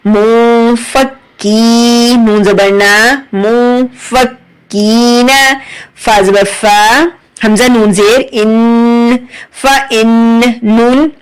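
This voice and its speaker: A woman's voice: a little high, very slow, smooth, poor audio. A woman teaching Quran reading with an Urdu accent, spelling out letters and vowel marks and then blending them into words. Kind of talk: slow syllable-by-syllable recitation lesson.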